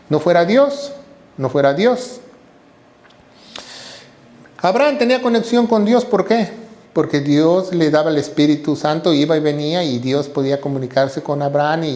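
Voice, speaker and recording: High-voiced pastor preaching. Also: male voice, a little mellow. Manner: preaching with rhetorical questions and tag "¿verdad?"; acts out quoted voices. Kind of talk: sermon.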